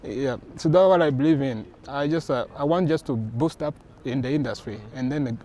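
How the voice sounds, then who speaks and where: A man's voice: mid-range voice, fairly quick, slight background noise. A man from Rwanda, a comics creator, chatting casually in an interview and acting out the conversations he recounts. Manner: animated, acts out quoted exchanges.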